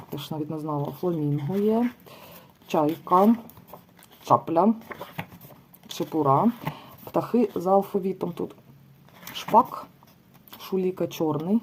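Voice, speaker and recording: A woman's voice: fairly low pitch, darkish tone, slight background noise. Chatty woman reading bird names aloud. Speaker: tarot and oracle vlogger. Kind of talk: casual book review, leafing through pages.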